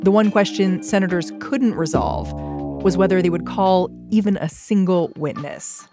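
A woman's voice: lowish voice, moderate pace, music in the background. A woman hosting a podcast, moving between narration and conversation. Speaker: podcast host.

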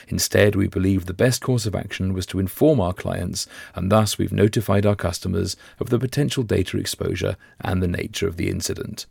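Croaky, low-voiced man reading news. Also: a little mellow, no room sound, studio quality. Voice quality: croaky, gravelly, husky. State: croaky voice after flu. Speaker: news podcast host. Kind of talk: scripted news narration.

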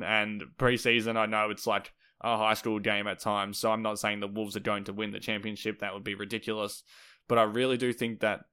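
Even-toned, lower-pitched man with a croaky voice. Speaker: sports podcast host. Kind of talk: solo basketball analysis commentary.

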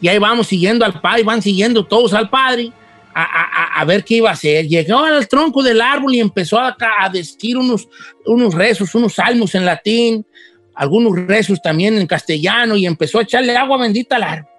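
A man telling a spooky folk legend in a casual, animated, folksy way with chatty asides. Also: high-pitched, a little fast, faint music behind. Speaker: storyteller host.

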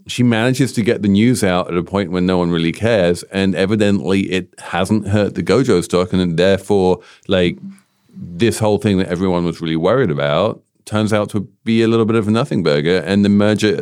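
A man's voice: low voice, brisk, darkish tone, clear, resonant tone, no echo, studio quality. A man from England with an English accent, talking casually and emphatically as a podcast panelist. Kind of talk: casual discussion and commentary.

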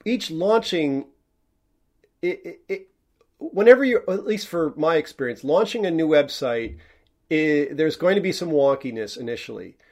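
A man with a somewhat raised pitch talks alone on his own podcast. He rambles in a candid, reflective way, stopping and restarting his sentences and filling gaps with "um" and "you know.". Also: lively intonation, darkish tone. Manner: halting, with many repeated restarts and fillers; candid and self-reflective, sometimes swearing. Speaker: podcast host and filmmaker. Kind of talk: rambling solo podcast monologue.

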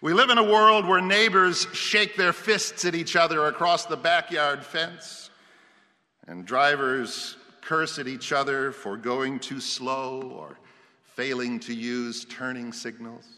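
Emphatic preacher, bright voice in a hall. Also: male voice, medium pitch, takes it slowly. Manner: emphatic, rhetorical, builds in lists. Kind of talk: sermon with storytelling. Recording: long hall reverb.

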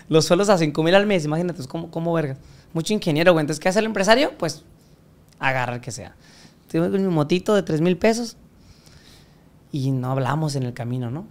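A man's voice: a little high, animated, fairly quick, pauses often. A young Mexican man with a Mexican accent, telling a crude, slang-filled story in casual chat. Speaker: podcast guest telling his story.

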